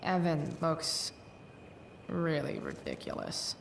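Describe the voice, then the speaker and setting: A woman's voice: sits low, huge pitch swings, takes it slowly, full character voice. An actress playing a brash, rebellious teenage girl in a video game, slangy and sardonic. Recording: clear ambient noise behind voice.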